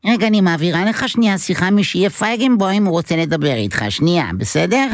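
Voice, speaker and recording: Man playing a female secretary, high voice, lively, rushed, pushy, dry close sound. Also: no echo. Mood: hurried. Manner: hurried, repeats "just a second".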